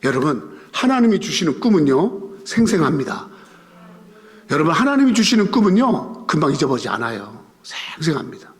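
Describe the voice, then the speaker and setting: A male pastor giving a Sunday sermon, animated, often firing rhetorical questions at the congregation. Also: a little high, brisk. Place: church sanctuary. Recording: reverberant church sanctuary.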